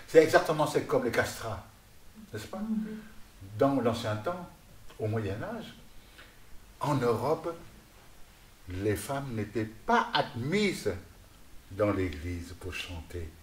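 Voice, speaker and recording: Guest lecturer, male, rambling demonstrative talk, roomy room with faint hiss. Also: medium pitch. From Vietnam. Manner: rambling, often asks "n'est-ce pas?". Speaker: guest musician and voice researcher. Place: artist's workshop, indoors. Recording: roomy hall with faint noise.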